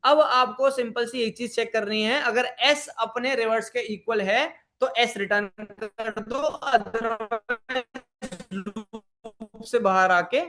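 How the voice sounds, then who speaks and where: A man's voice: very high-pitched, steady tone, slow, pushed and bright. A man teaching a live online programming class, mixing English coding terms into his Hindi, repeating his phrases and quizzing the students. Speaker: programming instructor.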